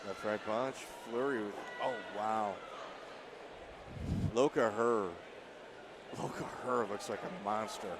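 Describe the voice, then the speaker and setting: A man's voice: fairly low pitch, slow, pauses often. A man giving live play-by-play commentary on a fight. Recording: noisy venue background.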